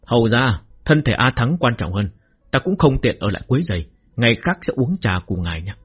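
A man voicing a genial elderly high official who speaks mildly and courteously. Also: sing-song, brisk, breathy edge. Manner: mild, courteous.

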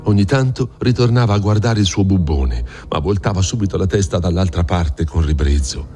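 A man reading a classic novel aloud in a measured, expressive narration. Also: deep voice, soft background music. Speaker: audiobook reader. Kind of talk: dramatic literary narration.

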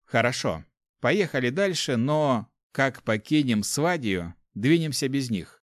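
A man's voice: medium pitch, expressive, unhurried, dry recording, studio quality, natural voice. A man doing a curt, angry young mage. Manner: curt, clipped. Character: angry young male mage, blunt and proud. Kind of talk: audiobook character voice.

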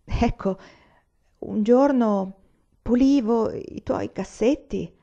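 A resolute young woman with a shy, mischievous streak, as a woman reads her aloud. She speaks slowly and gently in a mellow voice. The recording is somewhat dull. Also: on the high side. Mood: gentle.

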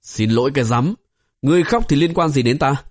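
A man voicing a gruff, irritable young male disciple who speaks in curt, scolding bursts, in a storybook reading. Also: medium pitch, animated, brisk, darkish tone, no echo, studio quality, natural voice. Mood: irritated.

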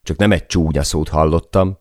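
A man's voice: very deep voice, steady tone, darkish tone, no echo, clean studio sound. A man voicing a mocking older male TV host in an audiobook, speaking in a sarcastic, teasing way.

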